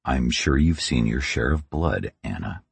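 A man voicing a hard, terse fixer who speaks in a cold, flat voice. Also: extremely low pitch, a little slow, creaky, slightly rough, no room sound, exaggerated voice.

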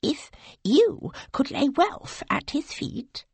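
Male narrator doing a tiny scheming skull spirit, creaky and breathy, dry close sound. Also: extremely high pitch, sing-song, slow, darkish tone, no room sound, voice pushed up, exaggerated voice. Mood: wheedling. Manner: wheedling, tempting. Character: scheming, flattering small skull god.

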